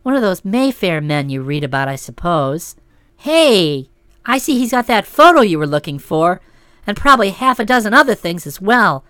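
A woman's voice: medium pitch, very animated, moderate pace, a bit bright, clean tone, no echo, voice pushed down. A woman voicing a blunt, solid young woman with a dry, matter-of-fact manner in an audiobook. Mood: brusque. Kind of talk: audiobook character voice.

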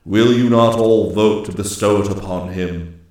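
A man voicing a solemn male immortal master of the forest, speaking gravely and slowly in a storybook reading. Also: fairly low pitch, fairly even intonation, a little mellow, heavy reverb, lightly acted. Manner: grave, slow and declaiming.

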